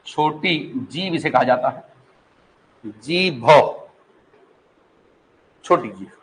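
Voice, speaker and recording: In a low-quality recording, a man with a Pahari-influenced Hindi accent teaches a class in a classroom, his mid-range voice expressive, very slow, and a bit bright. He is patient and chatty, often repeating his questions back to the students and checking that they follow along in this classroom lecture.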